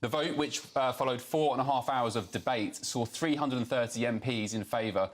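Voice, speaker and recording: A man hosting a live-stream, reading out viewer comments and news in a relaxed way with many fillers. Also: medium pitch, normal speed.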